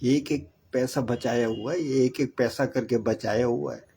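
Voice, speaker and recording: Slow, preachy older man. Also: mid-range voice, steady tone, warm tone, slightly rough, poor audio. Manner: preachy, repetitive, exhorting. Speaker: speaker giving advice on saving money. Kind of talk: earnest monologue.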